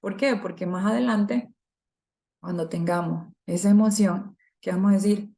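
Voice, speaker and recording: A woman, a mother, talking earnestly in a parents' discussion group, halting often to restart her sentences. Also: medium pitch, warm tone. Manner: halting, with many restarts and fillers. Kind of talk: casual reflective talk.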